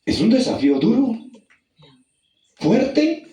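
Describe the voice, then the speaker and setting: A man preaches a sermon and talks straight to his listeners, calling them brother. His voice drops low and quiet in some passages and climbs high and loud when he reads the scripture. The sound is roomy and he is heard from some distance. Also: very animated, slow pace. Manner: addresses listeners directly as brother, asks them questions. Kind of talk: evangelistic sermon with personal story.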